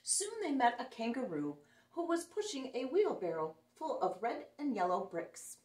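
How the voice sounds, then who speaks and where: A woman's voice: a little high, sing-song, normal speed, a little mellow. A woman reading a picture book aloud to children in a playful, sing-song way, recorded indoors. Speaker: children's story reader. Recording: echoey room, mic some distance away.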